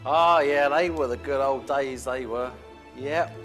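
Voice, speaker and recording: A man's voice: mid-range voice, measured pace, a bit bright, faint music behind, lightly acted. A man playing a cheeky chatty prisoner. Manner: cheeky, rambling, calls the guard Gov. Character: chatty male prisoner, former car thief. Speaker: actor in a lesson sketch. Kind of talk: comic scripted sketch.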